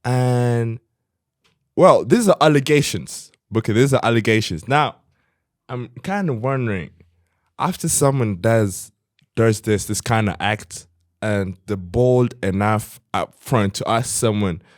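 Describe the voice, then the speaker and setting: Animated male podcast co-host, dry sound. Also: medium pitch, a little slow, dry recording. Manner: animated, reads comments aloud. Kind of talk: casual chat.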